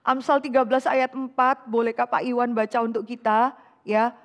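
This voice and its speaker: Woman vicar preaching, high voice, lots of rhetorical questions, echoey church hall. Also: moderate pace, slight background noise. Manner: lively, rhetorical questions, mixes in English phrases. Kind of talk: sermon to a women's fellowship.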